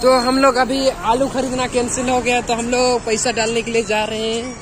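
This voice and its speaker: Chatty high-voiced man filming a street ride. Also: flat delivery, moderate pace. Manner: chatty, pointing things out on the road. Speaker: vlogger. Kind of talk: casual travel vlog narration. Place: inside an auto-rickshaw on a busy town street, outdoors. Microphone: handheld phone camera. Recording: loud traffic noise.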